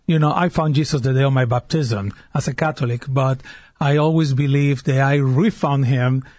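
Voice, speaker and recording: A man's voice: medium pitch, fairly even intonation, normal speed, darkish tone, no echo, studio quality. A man in his fifties from Puerto Rico with a Puerto Rican Spanish accent, a guest on a radio interview, speaking earnestly and often repeating words as he restarts. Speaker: guest, diocesan worship director. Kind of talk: radio interview, personal story.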